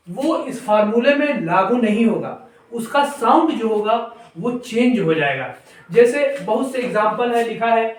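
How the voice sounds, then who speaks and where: A man teaching an English grammar lesson at a whiteboard, his voice fairly high. He spells each word out letter by letter before explaining it at an unhurried pace. He sounds a little distant from the camera, and the bare room adds heavy echo. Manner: spells words out letter by letter, then explains slowly. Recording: very echoey room, voice off-mic.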